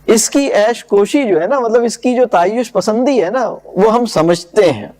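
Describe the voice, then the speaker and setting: A man giving a lecture on classical poetry. He recites verses slowly and solemnly, then explains them in quick, conversational asides and checks whether his listeners follow. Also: high-pitched, darkish tone. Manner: asks listeners whether the point is clear.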